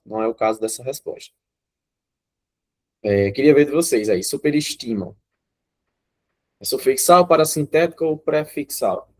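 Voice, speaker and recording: Speaking with a Brazilian Portuguese accent, a man leads an online grammar class in a medium-pitched, darkish voice. He goes one step at a time and regularly checks in with the students.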